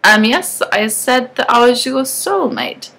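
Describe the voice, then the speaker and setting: A woman's voice: mid-range voice, moderate pace, fairly bright tone, close to an everyday voice, low-quality recording. A woman reading as an earnest, teasing young man. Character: young male mysterious soulmate, earnest and teasing.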